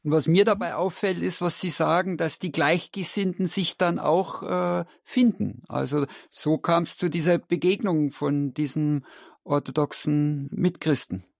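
A man appearing as a guest on a radio call-in show, gentle and affirming. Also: fairly high pitch, a little slow, vocal fry, dry recording, clean studio sound. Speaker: studio guest. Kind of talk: radio conversation.

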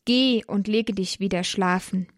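A woman voicing a calm old priest. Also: mid-range voice, measured pace, no echo, clean studio sound, lightly acted.

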